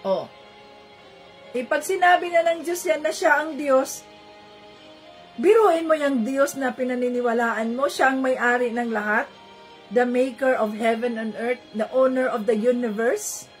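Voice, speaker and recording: A woman's voice: high-pitched, fairly even intonation, a little slow, faint music behind. A woman giving a casual Bible teaching, repeating phrases soothingly and mixing in English. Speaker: Bible study preacher.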